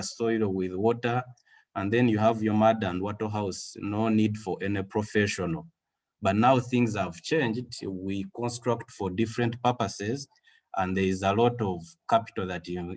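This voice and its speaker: A man's voice: fairly low pitch, steady tone, a little mellow. Ugandan man giving a webinar talk. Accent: Ugandan English. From Western Uganda. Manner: measured, with frequent "uh" fillers. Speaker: guest speaker. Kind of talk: webinar presentation. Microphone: video call.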